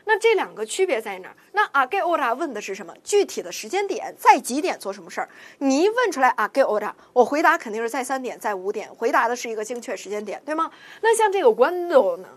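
A woman's voice: sits high, sing-song, quick pace, few pauses. A woman giving a classroom lecture as a language teacher, asking rhetorical questions and checking understanding often. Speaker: Spanish teacher.

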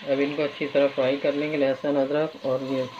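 A home cooking vlogger narrates a recipe casually as she works at the stove in her kitchen, speaking a little fast in a flat, bass voice. The dull phone audio is noisy, with loud frying, sizzling and stirring.

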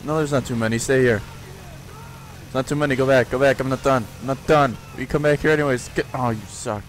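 A young man giving brash, loud commentary while playing a shooter game, talking back to the characters on screen. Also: medium pitch, fairly even intonation, brisk, a little hiss or hum. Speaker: gamer. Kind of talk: gameplay commentary.

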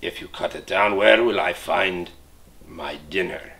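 A man plays a jaguar with a low, growling voice. It is slow and menacing, a prowling storybook cat. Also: fairly bright tone. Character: growling male jaguar predator.

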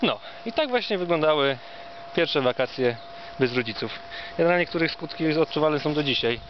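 A man's voice: a little high, expressive, moderate pace. A Polish man giving a casual, reminiscing tour outdoors, with a wry, mock-formal manner. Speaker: vlogger giving an on-site tour. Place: outdoors at a former campsite. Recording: dull lo-fi outdoor recording, loud ambient noise.

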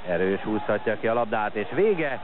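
A man giving excited live football commentary in short, clipped phrases. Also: on the low side. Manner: excited at chances and goals, calling play in short clipped phrases. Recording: noisy lo-fi match broadcast.

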